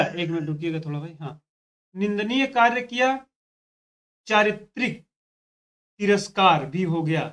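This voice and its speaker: A man's voice: high voice, a bit bright. A male teacher working through practice test questions step by step, repeating phrases and talking straight to his students. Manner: addresses students directly with "dekho" and "thik hai". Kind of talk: exam practice lesson.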